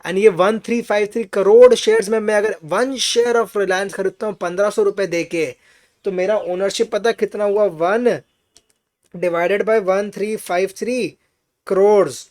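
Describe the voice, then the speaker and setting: A man's voice: sits high, fairly even intonation, normal speed, a little mellow. A man teaching finance in an online class lecture. He explains patiently, asks rhetorical questions, checks on his students and mixes English phrases into his talk.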